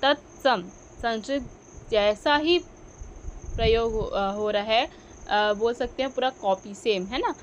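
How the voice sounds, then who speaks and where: A woman with a high voice gives a slow, patient grammar lesson. She asks a question, then answers it herself, and stops to correct her slips. Faint crickets and insects hum behind her. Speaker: teacher.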